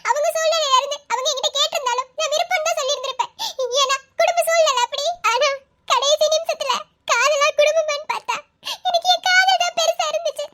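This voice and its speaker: Voice actor playing a cartoon young bride, tearful, pleading, very high voice. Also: fast, bright, forceful tone, no echo, clean studio sound. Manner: reading her farewell letter aloud, pleading.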